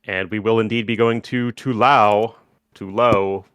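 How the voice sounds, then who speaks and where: A man co-casting a strategy game tournament in a relaxed, chatty way, laughing often. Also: fairly low pitch, moderate pace, clear, resonant tone, no echo. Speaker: tournament co-caster. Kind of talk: casual game commentary.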